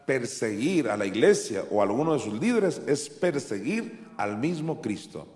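A man with a Mexican Spanish accent preaching a sermon, animatedly acting out Bible voices with sharp rises and drops. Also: mid-range voice, very animated, moderate pace. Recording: echoey hall with faint music.

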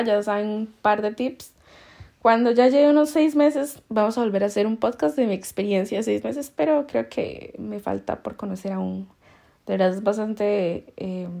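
Casting: Costa Rican woman, chatty podcast host, mellow gravelly voice, quick to laugh. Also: medium pitch. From Costa Rica. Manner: chatty, laughs often, heavy slang. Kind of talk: casual storytelling chat.

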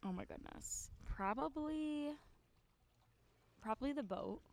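A young woman co-hosting a casual podcast outdoors by a backyard pool, speaking in a relaxed, trailing way with many fillers. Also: high voice, takes it slowly, creaky. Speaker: podcast co-host.

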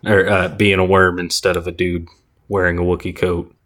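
A man's voice: low-pitched, level tone, normal speed, fairly bright tone. A man co-hosting a podcast, tossing in teasing, joking asides about a film. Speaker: podcast co-host. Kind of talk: casual movie discussion.

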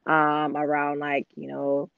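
A woman's voice: low-pitched, monotone, slow pace, creaky, clear, resonant tone, no room sound, narrow, tinny audio. A woman in her thirties, a podcast guest, telling her story openly in casual chat. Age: 30s. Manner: candid, open storytelling.

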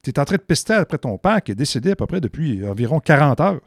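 Animated Quebec French man storyteller. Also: fairly high pitch, quick pace, creaky, dry recording, clean studio sound. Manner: animated, swears casually. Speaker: podcast co-host. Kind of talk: casual storytelling chat.

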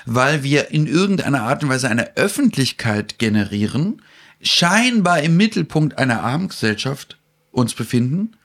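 A man's voice: mid-range voice, very animated, moderate pace, fairly bright tone. Indignant, theatrical man. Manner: indignant, theatrical, acts out dialogue. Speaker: podcast host. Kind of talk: animated casual chat.

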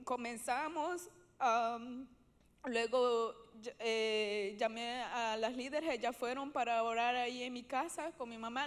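A woman giving a personal faith testimony in an earnest, halting way, often restarting her sentences. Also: high voice.

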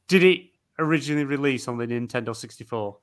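A man's voice: medium pitch, quick pace. A man co-hosting a podcast, thinking aloud with lots of fillers and restarts. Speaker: podcast co-host. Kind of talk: casual chat.

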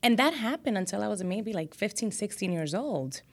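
A woman's voice: medium pitch, very animated, moderate pace. A woman who works as a TV news anchor, a guest in a casual podcast interview, speaking upbeat and earnest English with Spanish phrases mixed in. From United States.

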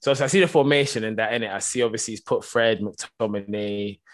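A man's voice: on the low side, fast. Young London roadman telling football stories in slang. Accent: London, multicultural street slang. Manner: animated slangy storytelling, frequent tag questions. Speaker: football fan panellist. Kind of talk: casual football banter.

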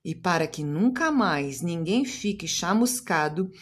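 A woman's voice: lowish voice, animated, a little slow, breathy edge. A woman voicing a bossy father making proclamations in a read-aloud children's story. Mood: proclaiming. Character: bossy father with big ideas.

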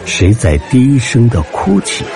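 A man's voice: mid-range voice, very animated, unhurried, vocal fry. A man narrating a suspense story in a dramatic, scripted telling. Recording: soft background music.

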